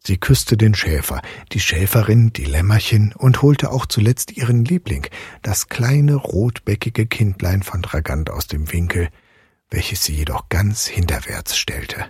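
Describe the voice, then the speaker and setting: A man reading a fairy tale aloud in an expressive way, sometimes dropping to a whisper. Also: on the low side, a little slow, breathy edge, no room sound, studio quality. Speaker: reader. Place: online audio room.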